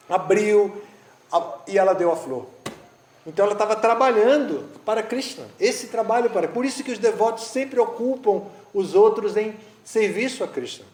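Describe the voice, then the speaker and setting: His voice high-pitched and a little mellow, the man moves at a moderate pace through a conversational devotional story, starting over often as he goes. He is a spiritual teacher speaking in a roomy space at an eco-village gathering. The recording echoes and has a little hiss or hum.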